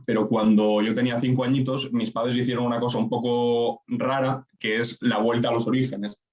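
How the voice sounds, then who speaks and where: A man's voice: mid-range voice, little pitch movement, moderate pace, darkish tone, highs cut off. A young man in his twenties from Spain, a political scientist answering interview questions in structured points with rhetorical questions. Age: 20s.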